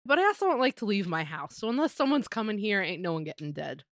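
Woman doing deadpan jokes on a podcast, lively pitch, dry. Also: quick pace, no room sound. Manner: deadpan joking. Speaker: podcast co-host. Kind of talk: casual podcast chat.

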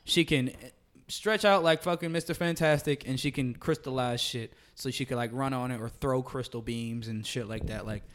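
A man's voice: mid-range voice, normal speed, fairly bright tone. A young man chatting casually with friends in a frat-bro manner, slangy and full of swearing. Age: young adult. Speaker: podcast co-host. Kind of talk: casual chat among friends.

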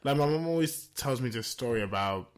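A young man hosting a podcast, relaxed and chatty, with plenty of fillers, raising his voice to act out quotes. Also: medium pitch, fairly quick. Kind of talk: casual podcast chat.

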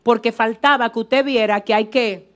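A woman pastor preaching a fervent, animated sermon in a church service, with asides to the congregation. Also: on the high side, moderate pace.

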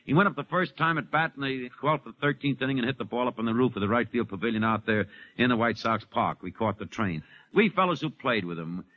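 A man's voice: medium pitch, animated, fast. An older man, a former ballplayer turned announcer, recalling anecdotes in a rambling way with many fillers. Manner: rambling storyteller with frequent "uh" fillers. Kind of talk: anecdotal recollection in an interview. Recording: muffled 1950s radio recording.

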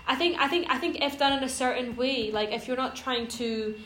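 Young woman from iran on a podcast, kinda high voice, rambly, lots of likes and ums, echoey room. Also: a little fast, fairly bright tone. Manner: rambling, hesitant, many fillers. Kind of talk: casual podcast chat. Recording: roomy echo, faint noise.

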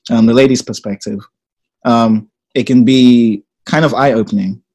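A man's voice: mid-range voice, a little slow, poor audio. A young man from Ghana who grew up in England, chatting casually as a podcast guest with plenty of ums. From Ghana, raised in England. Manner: relaxed, chatty, laughs easily, many ums. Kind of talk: casual chat.

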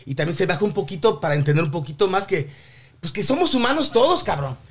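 A man's voice: high-pitched, very animated, fast talker. A man from Mexico with a Mexican accent, chatting on a podcast in heavy slang and swearing emphatically. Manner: slangy, profanity-laden, emphatic. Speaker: podcast co-host. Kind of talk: casual chat.

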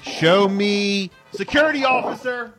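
A man's voice: high-pitched, unhurried. A man hosting a live phone-in contest on the radio, repeating answers like a game show announcer. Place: radio studio. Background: music playing.

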